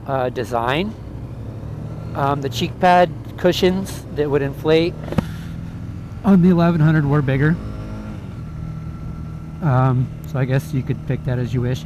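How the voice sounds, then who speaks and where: Male motovlogger, mid-pitched, casual review delivery from inside a helmet on a moving bike, clear vehicle noise behind. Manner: talking from inside a motorcycle helmet while riding. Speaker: motorcycle vlogger reviewing gear. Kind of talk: casual chat, spoken review. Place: outdoors on a moving motorcycle. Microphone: mic inside a helmet. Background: vehicle and road noise.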